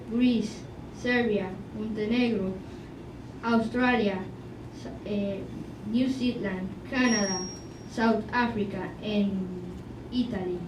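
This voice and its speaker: A woman with a fairly high voice reads out a presentation, slowly naming one item after another. She is recorded from across an echoey room, with clear background noise around her. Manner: slow, listing names one by one. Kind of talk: reciting a school presentation. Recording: distant echoey hall with noise.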